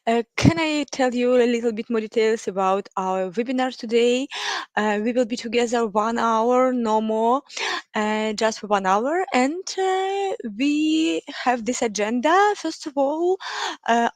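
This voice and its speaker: Ukrainian woman hosting online webinar, lots of uhs, halting english, dry close mic. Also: fairly high pitch, no echo. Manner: halting, many fillers, non-native phrasing. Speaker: webinar host, marketing manager. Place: home office.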